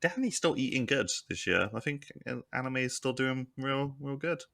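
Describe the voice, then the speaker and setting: A man's voice: mid-range voice, animated, brisk, gravelly, fairly bright tone. A man co-hosting a podcast in casual chat, playful and laughing often. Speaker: podcast co-host.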